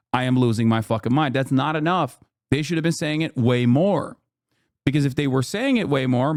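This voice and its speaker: A man's voice: mid-range voice, a little mellow, no echo, studio quality. A man streaming a reaction, ranting heatedly about politics with heavy swearing and emphatic repetition. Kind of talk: live-stream reaction rant.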